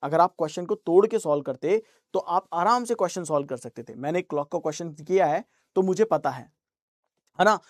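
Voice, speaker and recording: A man's voice: fairly high pitch, brisk, dry recording, clean studio sound. A man teaching an online reasoning class, answering students' chat questions in a reassuring, coaxing way and slipping English phrases into his talk.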